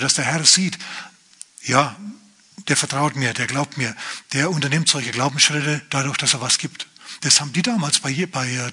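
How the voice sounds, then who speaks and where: A male pastor preaching a lively, chatty sermon, often turning to his listeners with asides. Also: a little high, slightly rough.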